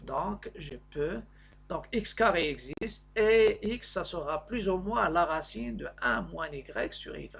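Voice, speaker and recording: A male maths teacher with a fairly high, husky voice explains a worked problem. He goes step by step, halting and hesitating as he builds the explanation, with a creaky edge to his speech. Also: a bit bright.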